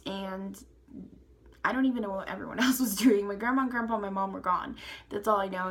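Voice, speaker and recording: A young woman recounts a wild story straight to camera. Her voice is bright, and she rambles, swears freely and keeps breaking into laughs. It sounds like an informal storytime vlog. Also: medium pitch. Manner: rambling, profane, laughing, lots of "like" and "guys". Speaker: storytime vlogger.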